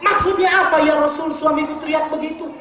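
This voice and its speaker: A man's voice: very high-pitched, steady tone, brisk, pushed and bright, very echoey, some chatter behind, pitched above the performer's own voice. A man voicing a grieving young widow who pleads for answers during a sermon story. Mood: pleading.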